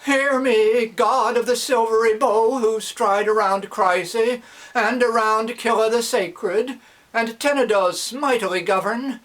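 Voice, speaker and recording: A male reciter plays an old priest in an epic poem, solemn and fervently pleading. The voice is lifted high and the dactylic verse is declaimed very slowly, beat by beat. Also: lively intonation, fairly bright tone, exaggerated voice, rough recording. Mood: fervent prayer. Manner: declaiming in slow, metered cadence.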